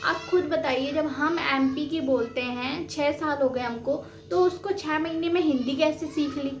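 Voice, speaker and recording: A woman's voice: high-pitched, unhurried. A woman from Madhya Pradesh with a Madhya Pradesh Hindi accent, chatting casually in an opinion vlog and often adding little fillers. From Madhya Pradesh, India. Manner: chatty, repeats "theek hai" and "yaar". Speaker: vlogger. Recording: slightly dull, roomy, faint hiss.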